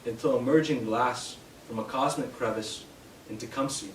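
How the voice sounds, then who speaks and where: This is a young Canadian poet reading live in a bookshop, with a medium pitch and moderate pace. His remarks between poems are hesitant and full of fillers, while the poems come out steady. The distant mic placement gives a roomy, faraway recording with noisy live room sound.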